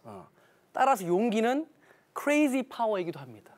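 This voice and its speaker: A man's voice: high-pitched, wildly swooping pitch, normal speed. A man giving a televised lecture on parenting, telling stories animatedly and acting out quoted dialogue.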